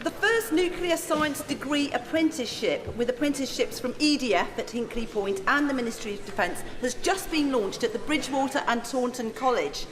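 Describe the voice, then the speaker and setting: High-voiced woman putting a parliamentary question. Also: lively intonation, moderate pace, few pauses. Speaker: member of parliament asking a question. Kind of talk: prepared, formal parliamentary question. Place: large debating chamber. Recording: echoey hall with crowd noise.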